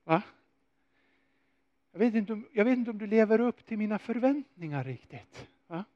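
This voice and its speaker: A man's voice: high-pitched, expressive, dry recording, dull audio, pitched above the performer's own voice. A man voicing an imagined harsh teacher who hesitates and withholds approval. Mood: doubtful.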